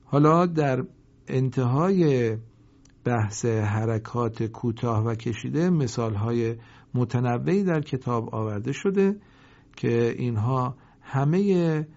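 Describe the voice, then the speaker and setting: A man teaching a reading lesson. He explains briskly and recites example words slowly and drawn out for the class to repeat. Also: mid-range voice, lively intonation, a little mellow. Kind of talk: recorded lesson. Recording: dull lo-fi recording.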